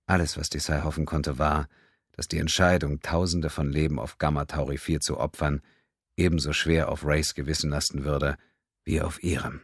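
A man narrating a science fiction audiobook in a steady storytelling manner. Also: very deep voice, moderate pace, slightly rough, no echo, clean studio sound. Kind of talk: scripted narration.

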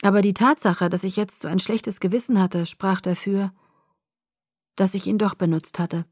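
A woman narrating a first-person story in a calm, measured audiobook reading. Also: mid-range voice, no echo, studio quality.

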